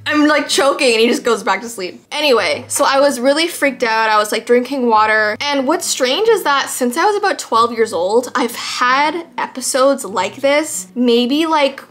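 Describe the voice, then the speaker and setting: A woman vlogger telling personal stories in a casual, chatty way, animated and acting out bits of dialogue. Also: high-pitched, normal speed, few pauses. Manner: animated, acts out quoted dialogue. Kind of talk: casual chatty storytelling to camera.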